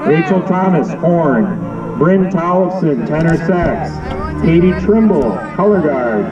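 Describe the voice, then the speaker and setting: A man announcing over a stadium loudspeaker, reading names in a steady, measured formal roster announcement, caught on old camcorder audio. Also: on the high side, roomy sound, recorded from a distance, lo-fi sound, over music. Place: outdoor high school stadium. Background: crowd noise.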